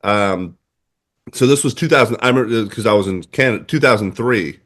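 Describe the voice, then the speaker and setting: A man co-hosting a sports podcast, telling stories in a chatty, animated way with many fillers. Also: fairly low pitch, fairly quick. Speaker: podcast co-host. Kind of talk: casual sports chat.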